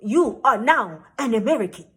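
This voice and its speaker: A woman's voice: fairly high pitch, lively intonation, normal speed, fairly bright tone. A woman imitating a stubborn, flustered male immigration officer who insists and keeps repeating "eh" and "ah". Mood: insistent.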